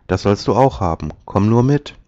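A man's voice: on the low side, lively intonation, moderate pace, mellow, no room sound, lightly acted. Sperling: a vengeful little sparrow, read by a man. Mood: friendly. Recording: dull, dry lo-fi recording.

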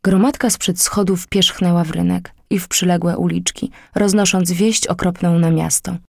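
A woman narrates an old tale as an audiobook, measured and dramatic. Her voice has a husky, breathy grain. The recording is close and dry. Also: fairly low pitch, fairly even intonation, no room sound.

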